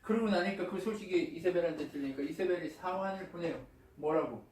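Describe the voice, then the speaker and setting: A male pastor delivers a sermon in a chatty, lively way and keeps asking the congregation questions. His voice is fairly high. It is caught by a distant mic in an echoey church hall. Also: a little fast, slight background noise. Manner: lively and colloquial, asks the congregation frequent questions. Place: church sanctuary.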